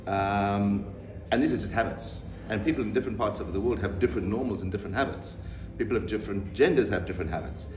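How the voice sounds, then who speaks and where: A man in his fifties from South Africa, an artist answering interview questions in a measured, reflective way with pauses and restarts. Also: on the low side. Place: room with bookshelves, seated in leather armchair. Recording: roomy, distant mic, audible background noise.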